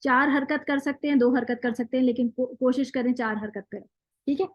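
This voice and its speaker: A woman's voice: high-pitched, steady tone, fairly quick, no room sound, dull audio. A woman teaching Quran recitation in an online class, explaining patiently step by step and reciting examples.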